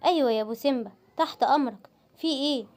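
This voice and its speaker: A woman with an Egyptian accent voicing a male guard lion who mutters to himself in a lowered voice, for a homemade cartoon. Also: very fast, a little mellow, close to an everyday voice. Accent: Egyptian Arabic.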